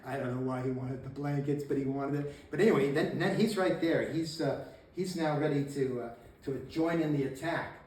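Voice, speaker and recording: An energetic male storyteller with a medium pitch and moderate pace delivers a relaxed local history lecture, acting out shouted quotes and laughing often. He's in a meeting room with listeners, and the distant camera mic captures echo and faint noise.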